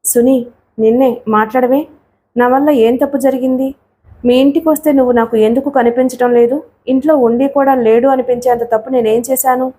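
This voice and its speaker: A woman's voice: sits high, fairly even intonation, normal speed, dark tone, natural voice. A woman reading the lines of a lovesick young man who pleads and reproaches in an audiobook story. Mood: pleading.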